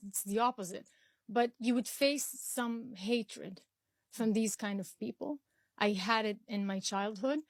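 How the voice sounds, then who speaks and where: Speaking a little slowly in a fairly high voice, this interview guest is a young woman from Israel whose first language is Arabic. She responds earnestly, full of restarts and fillers, and there's no echo.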